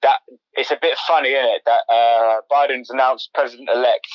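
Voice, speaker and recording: A man co-hosting a podcast in casual chat, talking fast and repeating words as he goes. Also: medium pitch, fairly even intonation, no room sound. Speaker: podcast co-host. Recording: dry, dull lo-fi sound.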